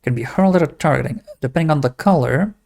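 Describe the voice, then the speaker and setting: A man's voice: fairly high pitch, fast talker, vocal fry, darkish tone. A man giving casual game commentary, thinking aloud and reading text from the screen. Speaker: let's-play host.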